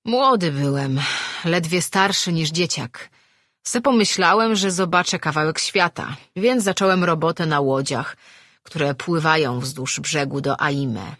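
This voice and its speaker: A narrator voicing a bitter old male sailor who talks in rough, folksy speech, telling a tale in a storybook. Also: on the high side, measured pace, bright, forceful tone, no room sound, studio quality, exaggerated voice. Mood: reminiscing. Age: older.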